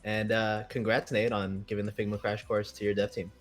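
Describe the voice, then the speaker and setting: A man's voice: lowish voice, level tone, fairly quick, faint music behind. A man co-hosting a casual livestream, easygoing and friendly. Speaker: developer advocate, co-host. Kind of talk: casual group livestream chat.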